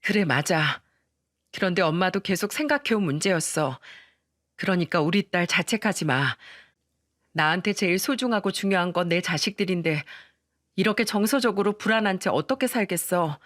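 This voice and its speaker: A woman's voice: on the low side, animated, normal speed, no room sound, clean studio sound. A woman voicing a long-suffering mother who turns fierce in defense of her children, in a dramatized radio story. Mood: sad gentle. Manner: sharp, scolding outbursts.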